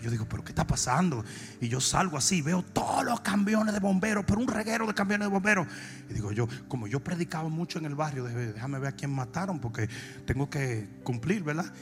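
A Dominican man preaching, telling comic stories and breaking into long shouted cries. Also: on the high side, expressive. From Dominican Republic. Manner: shifts from shouted, drawn-out preaching to fast, joking anecdotes. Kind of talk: comic sermon storytelling.

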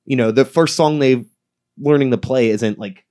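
A man's voice: medium pitch, moderate pace, a little mellow. A man in his thirties hosting a podcast, chatting casually and swearing freely with lots of "like.". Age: 30s. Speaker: podcast host. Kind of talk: casual chat.

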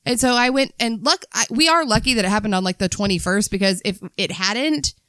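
A woman's voice: medium pitch, brisk, a bit bright, dry recording. A woman in her thirties, a podcast co-host in casual chat, telling stories with laughs and swearing. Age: 30s.

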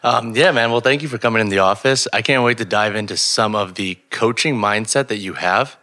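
A man's voice: fairly low pitch, fairly quick, sharp tone. A man hosting a podcast, asking earnest, admiring questions with plenty of "kind of". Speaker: podcast host.

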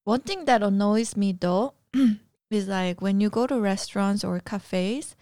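Young woman, podcast co-host, casual chat, smooth clear voice, dry sound. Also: mid-range voice, measured pace, no echo. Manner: animated, complains with laughter.

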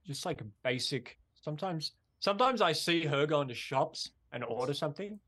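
A man with an Australian accent, a comedian guest in a casual podcast chat, telling animated stories. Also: a little high, a little fast. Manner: animated storyteller, slips into mock American voices.

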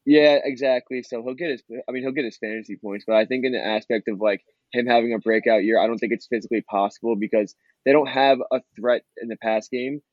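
A man co-hosting a casual sports betting talk show, speaking in halting bursts full of restarts. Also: medium pitch, steady tone, dry recording. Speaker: podcast co-host. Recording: dull lo-fi remote line.

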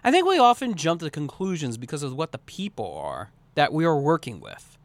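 A man's voice: on the high side, huge pitch swings, brisk, no echo. A man hosting a solo podcast, talking earnestly in long, winding sentences. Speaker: podcast host. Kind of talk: solo podcast monologue on communication.

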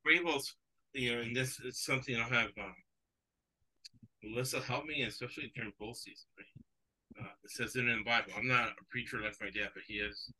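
A man whose first language is not English hosts a sports betting podcast, chatting casually in a rambling, digressive way and chuckling often. His mid-range voice is brisk, bright, and forceful, with fairly even intonation. The recording is rough.

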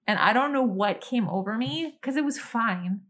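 A woman's voice: a little high, lively intonation, moderate pace, a bit bright. A woman in casual conversation, reassuring her friend and then telling a story in a matter-of-fact way. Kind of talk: casual chat.

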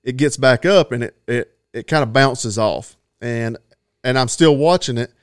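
A man's voice: medium pitch, a little slow, clean tone, no room sound, clean studio sound. A man telling a long hunting story in a rambling, folksy way, laughing at himself now and then. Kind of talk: casual storytelling.

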